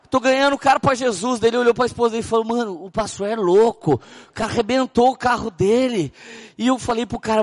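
Brazilian pastor guy preaching, high-pitched, acts out every bit of dialogue. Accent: Brazilian Portuguese. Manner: animated storytelling, acting out dialogue. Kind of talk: sermon.

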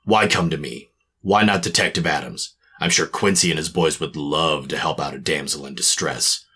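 A man voicing a gruff, sardonic noir private eye. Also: rumbling low, moderate pace, pushed and bright, heavily acted. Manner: clipped, sardonic tough-guy delivery. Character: hard-boiled male private eye, cynical and sour. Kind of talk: noir radio drama narration.

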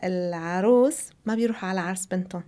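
A woman's voice: lowish voice, quick pace, mellow. A woman from Aleppo with an Aleppine Syrian Arabic accent, explaining things as a guest in a casual conversational interview.

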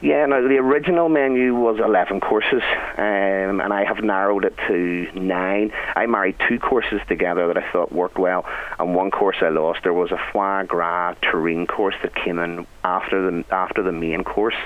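A man's voice: low-pitched, steady tone, moderate pace, narrow, tinny audio. A middle-aged man with a Northern Irish accent, chatting and telling anecdotes as a guest chef in a radio interview. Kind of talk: conversational radio interview answers.

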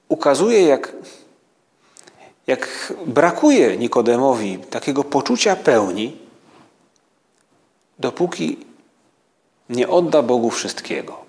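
A man preaching a spiritual meditation, speaking slowly and reflectively, with halting pauses. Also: medium pitch, darkish tone.

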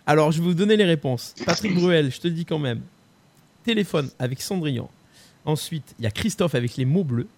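A chatty male host with a fairly high voice runs a live quiz show. He repeats phrases, hesitates with fillers, and keeps the banter going. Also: lively intonation, brisk. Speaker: host running a song quiz and prank calls. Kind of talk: lively live-stream chat.

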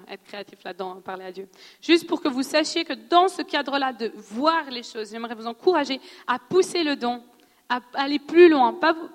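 A woman with a noticeable accent teaching a church audience on prophecy in a conversational, animated way, often laughing and asking questions. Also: high voice. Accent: non-French accent in French. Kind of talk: sermon teaching. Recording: long hall reverb.

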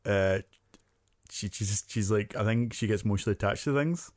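A lowish male voice chatting casually on a podcast, rambling and stopping often to search for words. The sound is close and dry. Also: moderate pace, no room sound. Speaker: podcast co-host. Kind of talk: casual chat.

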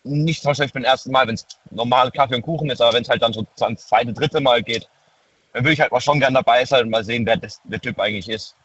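A man's voice: medium pitch, quick pace, fairly bright tone, breathy edge, dry recording. A nineteen-year-old man from near Heidelberg calling in over the phone, talking hesitantly with many filler words. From near Heidelberg, Germany. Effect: heard over a phone line. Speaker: caller. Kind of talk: casual call-in chat. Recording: muffled dry phone line.

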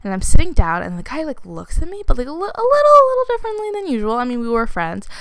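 A woman's voice: sits high, wildly swooping pitch, fast, fairly bright tone, dry recording. A woman in her twenties telling a personal story in a casual, chatty way, with lots of "like" fillers and laughs slipped in. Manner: chatty, many "like" fillers, laughs while talking.

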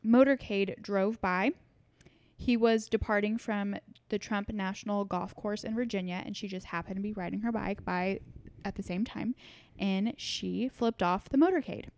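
Young female podcast co-host, upbeat and teasing, smooth voice, dry close mic. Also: mid-range voice, dry recording. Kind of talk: casual chat.

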